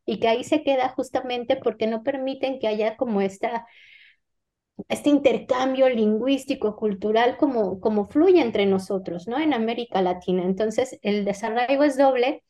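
A middle-aged Mexican woman, an author appearing as a guest, answers interview questions in a somewhat high, warm voice at a moderate pace. She sounds earnest and reflective, often restarting her sentences and tacking on "¿no?".

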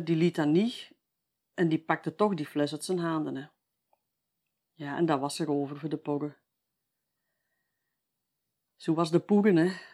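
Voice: medium pitch, warm tone. A storyteller with a Flemish accent, telling a local tale in a chatty, folksy way, often adding a tag at the end of sentences.

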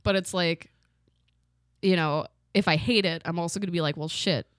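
A woman's voice: fairly low pitch, normal speed, dry recording, studio quality. Blunt, swearing woman podcast co-host. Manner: blunt, swears freely, animated rants. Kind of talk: casual chat.

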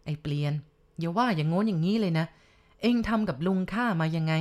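Brief: gruff vengeful young villager, low and rough, read by a woman storyteller. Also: quick pace, a little mellow, close to an everyday voice. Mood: grim.

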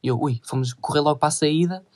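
A man's voice: fairly high pitch, fast, darkish tone. A teenage boy with a European Portuguese accent telling a crude, rambling story in casual slang full of swearing. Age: teens.

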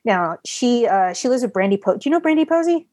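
A woman telling a rambling, animated story in casual chat, swearing freely. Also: fairly high pitch, brisk, dry recording.

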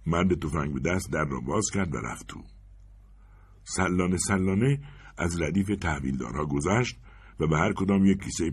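Audiobook narrator: man, low and husky, animated storytelling delivery. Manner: expressive storytelling.

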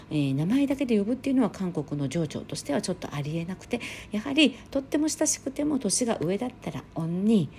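A middle-aged woman hosting a solo talk podcast. She explains things calmly and fills her pauses with small hesitations. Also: mid-range voice, a little hiss or hum. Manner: calm, explanatory, with frequent fillers. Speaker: podcast host. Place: home near Seoul.

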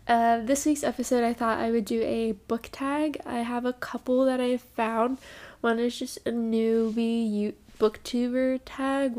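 A young woman hosting a podcast in a rambling, casual chat, sounding congested and stopping often for ums and quick apologies. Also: a little high, a little mellow. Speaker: podcast host.

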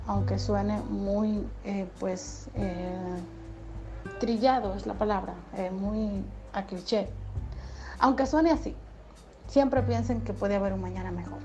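A woman from the Dominican Republic with a softened Dominican accent, hosting a podcast in an encouraging, chatty way with frequent fillers. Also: medium pitch, muffled recording. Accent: Dominican Spanish, softened toward neutral. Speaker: podcast host and radio announcer. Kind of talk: casual motivational podcast talk.

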